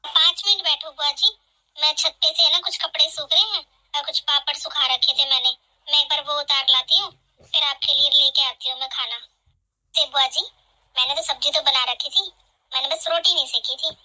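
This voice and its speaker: A woman voicing a kind young daughter-in-law in an animated family drama, speaking gently and earnestly. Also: sits high, normal speed, rough recording. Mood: pleading.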